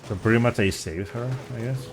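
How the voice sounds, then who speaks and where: A man's voice: medium pitch, a little fast, noisy background. A man giving casual, rambling commentary as he streams a speedrun. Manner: rambling and chatty, with frequent restarts and "like".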